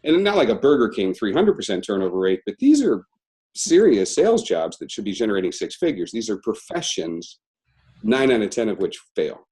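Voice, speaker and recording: A middle-aged man, a company founder, telling his story as an interview guest and stressing key words with sudden jumps in pitch. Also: very animated, a little fast, a little mellow.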